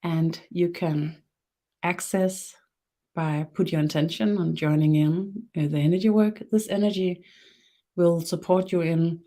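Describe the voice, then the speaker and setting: Soft guidance comes from a Danish energy worker hosting a webinar streamed live, where she takes listeners through a body meditation. Her lowish, mellow voice keeps a steady tone, moving slowly and deliberately, with halting fillers and restarts.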